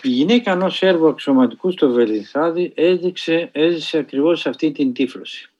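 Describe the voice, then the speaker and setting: A man telling a spiritual story in a sermon style, earnest and measured, with dramatic pauses. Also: on the high side, a little mellow, breathy edge, dull audio. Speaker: preacher.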